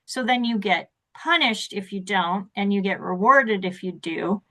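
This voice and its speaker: A woman speaking as a success coach in an interview, animated and laughing often, acting out the voices she quotes. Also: mid-range voice, unhurried. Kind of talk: interview conversation.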